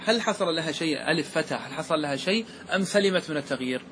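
A man teaching grammar, asking the class questions and slowing down to stress key words. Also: fairly high pitch, lively intonation, fairly bright tone, slight background noise. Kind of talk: classroom lesson explaining verse.

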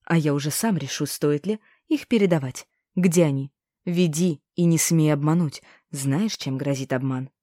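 Woman doing a stern male inquisitor, slow and threatening, dry booth sound. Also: deep voice, mellow, no room sound. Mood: menacing. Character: stern menacing male inquisitor, mocking and cold. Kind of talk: audiobook character voice.

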